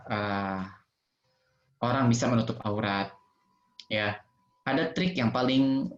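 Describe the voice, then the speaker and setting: A man teaching children in an online Q&A lesson, gentle and patient, with playful examples. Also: mid-range voice. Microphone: video call. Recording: roomy, dull video-call audio.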